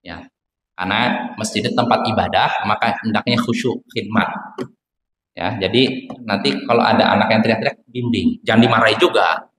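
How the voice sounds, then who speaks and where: A man's voice: fairly low pitch, moderate pace, fairly bright tone. Man teaching in an echoey mosque hall. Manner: keeps quizzing listeners with rhetorical questions. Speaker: Islamic teacher. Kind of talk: religious lesson to children. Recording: echoey hall with faint ambient noise.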